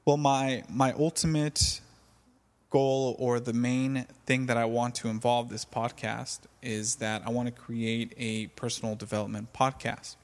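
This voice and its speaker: Halting man, flat voice, reverby room. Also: mid-range voice. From California. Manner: hesitant, many fillers and restarts. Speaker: podcast host. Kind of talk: casual solo podcast monologue.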